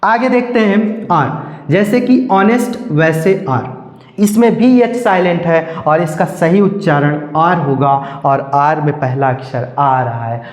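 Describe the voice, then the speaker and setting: A man teaching an English grammar lesson, drilling each word slowly and asking questions he then answers himself. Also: mid-range voice. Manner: slow, repetitive drilling of words, asking and answering his own questions. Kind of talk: classroom-style grammar lesson. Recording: echoey room with long reverb.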